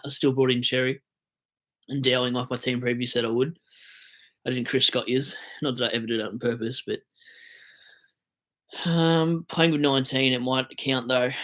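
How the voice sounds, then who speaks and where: Australian male streamer, mid-pitched, loose chatty delivery with the odd swear and mock rant. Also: bright, forceful tone. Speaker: fantasy football livestream host. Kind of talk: casual livestream chat.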